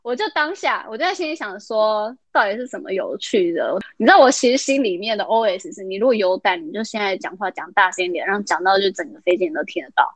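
A young adult woman recording remotely as a podcast guest, telling a story in a lively casual way. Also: medium pitch, fast talker, hardly any pauses, dry recording. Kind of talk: casual chat.

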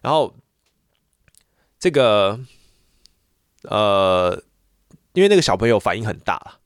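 A man's voice: lowish voice, slow, clean tone, no room sound, clean studio sound. A man, a voice teacher, ranting in a casual monologue full of repeats and restarts. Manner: animated, repetitive ranting with frequent restarts.

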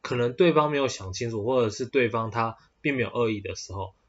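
Taiwanese-accented male podcast host, mid-pitched and husky, talks in loose rambling bursts full of fillers, dull lo-fi sound. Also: fast. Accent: Taiwanese Mandarin. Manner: rambling, with many hesitant fillers and restarts. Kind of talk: casual solo podcast talk.

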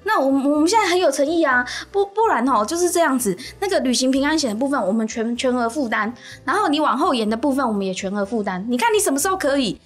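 A woman's voice: sits high, lively intonation, fast talker, faint music behind. A woman playing a fawning male travel agency manager who is overly polite and eager to settle. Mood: wheedling.

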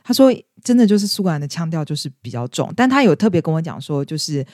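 A young woman in her twenties chats at a brisk clip on a podcast and tells a personal story. She acts out the quoted lines in bright, raised voices. Her voice sounds close and dry. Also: deep voice, big pitch swings, no room sound. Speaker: podcast co-host. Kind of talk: casual storytelling chat.

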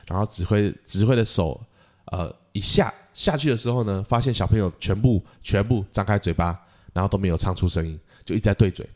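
A man hosting a casual podcast, retelling a film plot in an animated way and acting out the characters' lines. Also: fairly low pitch, fairly quick. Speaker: podcast host.

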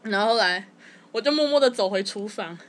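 A young woman with a Taiwanese Mandarin accent, telling her story as a podcast guest in casual chat, animated and often stumbling over repeated words. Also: mid-range voice, a little fast. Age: young adult.

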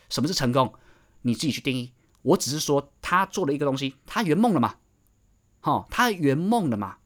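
A man giving a motivational monologue to camera, preachy and pressing, repeating phrases and firing rhetorical questions. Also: a little high. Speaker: vlogger.

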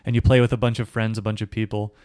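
A man leads a casual podcast chat, working through his points with homely comparisons. His voice sits low and is recorded dry and close, with no room around it. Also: little pitch movement, fast, a little mellow, clear, resonant tone, dry recording. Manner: explains at length with analogies. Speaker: podcast co-host. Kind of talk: casual discussion.

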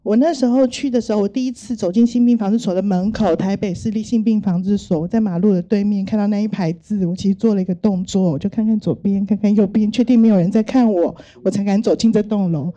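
A middle-aged woman with a Taiwanese Mandarin accent tells stories from her work in a gentle, thoughtful way, with many soft fillers. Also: medium pitch, steady tone, fast, hardly any pauses, dull audio. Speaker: speaker sharing work stories. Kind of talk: reflective storytelling talk.

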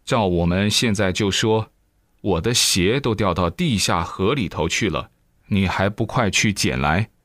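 A man doing a slow, stern old hermit sage. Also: deep voice, expressive, fairly bright tone, no echo, clean studio sound. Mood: scolding. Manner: slow, drawn-out, archaic scolding.

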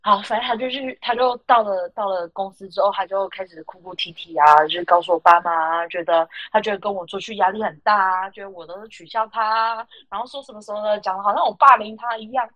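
A woman hosting a casual podcast chat, telling a story in an animated, indignant way with lots of fillers. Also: mid-range voice, fast, few pauses, dry recording, muffled recording. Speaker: podcast host.

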